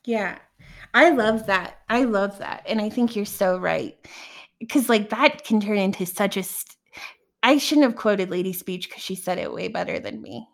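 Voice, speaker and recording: A woman's voice: mid-range voice, normal speed, creaky. A woman co-hosting a podcast, talking candidly and reflectively in casual chat, with many filler words.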